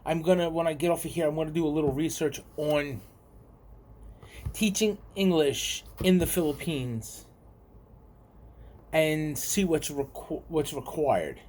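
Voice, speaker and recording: An American vlogger with a New York accent chats casually to camera in a fairly high, darkish voice. He speaks a little slowly and pauses often, rambling and repeating himself.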